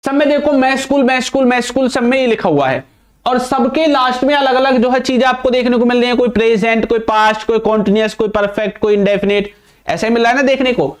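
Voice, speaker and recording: A young man teaching an English grammar lesson, quizzing the viewer with repeated questions and answering them himself, speaking English words. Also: very high voice. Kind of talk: classroom-style grammar lesson.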